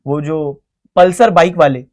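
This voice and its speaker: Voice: medium pitch, steady tone, measured pace. An exam-prep history teacher giving an online coaching lecture, asking quiz questions, explaining them like a story and calling the students "beta" while mixing in English terms.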